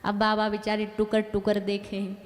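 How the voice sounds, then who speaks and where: A woman with a Braj accent narrating a devotional story in a lively, conversational way. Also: mid-range voice, normal speed. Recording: long hall reverb, faint music.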